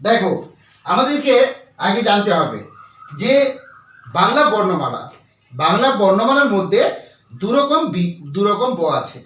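A man's voice: high-pitched, big pitch swings, unhurried, long pauses, a bit bright. A male teacher giving a grammar lesson to students, explaining step by step, repeating key points and asking and answering his own questions. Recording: very echoey room, voice far from the mic.

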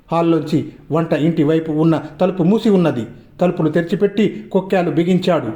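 Male storyteller, scripted narration, measured suspense, high pitch, warm tone. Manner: measured, suspenseful reading with many questions. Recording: roomy echo.

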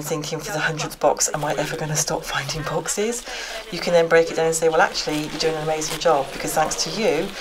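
A woman's voice: deep voice, poor audio. A woman with a direct, encouraging manner, coordinating volunteers and speaking in a large warehouse. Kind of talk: briefing volunteers and interview.

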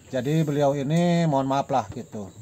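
A man with a Sundanese accent hosting a casual comedic chat outdoors after dark, chatty, laughing often and calling his viewers guys. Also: mid-range voice, animated, unhurried, a little hiss or hum. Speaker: host.

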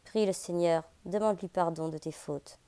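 A woman's voice: lowish voice, normal speed, dark tone, clear, resonant tone, lightly acted. A woman reading the lines of a stern, solemn man who gives commands in an audiobook. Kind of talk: audiobook character voice.

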